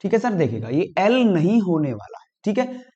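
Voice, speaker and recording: A man with a fairly high voice explains exam reasoning questions to his students one step at a time, often checking that they are following. The recording sounds dull and lo-fi, with the highs cut off. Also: sing-song, normal speed, dark tone. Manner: talks students through each step, often says "dekhiyega" and "theek hai ji". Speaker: reasoning teacher. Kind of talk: exam prep lesson.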